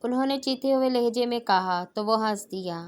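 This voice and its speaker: A woman narrating a romance novel aloud in a steady, even reading voice. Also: on the high side, moderate pace, smooth.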